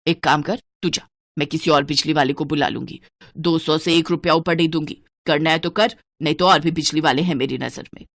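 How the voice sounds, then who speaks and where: A woman's voice: low-pitched, fairly even intonation, fairly quick, gravelly, dry recording, clean studio sound, pitched below the performer's own voice. A woman voicing a stingy, bossy middle-aged mother-in-law who nags and scolds in a cartoon story. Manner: scolding, penny-pinching nagging.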